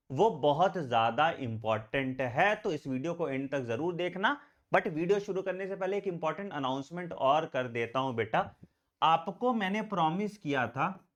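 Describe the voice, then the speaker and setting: A man's voice: sits high, fairly bright tone. A middle-aged man teaching exam biology to camera, addressing students fatherly as "beta" and checking in often. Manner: fatherly, calls students beta, frequent tag "theek hai". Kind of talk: exam prep lesson to camera.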